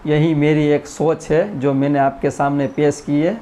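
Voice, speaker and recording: Guy telling a moral story real slow and earnest, kinda high voice, bit of hiss behind. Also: steady tone, dark tone. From India. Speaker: YouTube channel creator. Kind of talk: spoken story and message, then singing.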